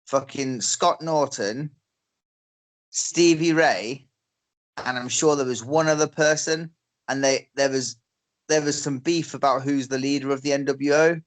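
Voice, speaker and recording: A man, a podcast co-host chatting casually, blunt and sweary. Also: mid-range voice. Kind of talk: casual chat.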